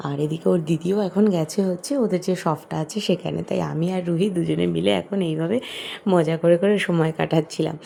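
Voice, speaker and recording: Mother vlogger, 30s, Bengali accent, soft chatty voice-over, slightly low voice with vocal fry. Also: steady tone, fairly quick, a little hiss or hum. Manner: soft-spoken, chatty narration. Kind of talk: voice-over narration.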